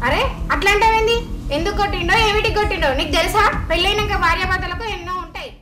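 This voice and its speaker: Woman as bickering Telangana village mom, very high and rapid, sharp tongue. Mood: quarrelsome. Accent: Telangana Telugu. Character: defensive village mother, quarrelsome wife. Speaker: mother. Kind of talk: village family drama acting. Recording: echoey room with background music.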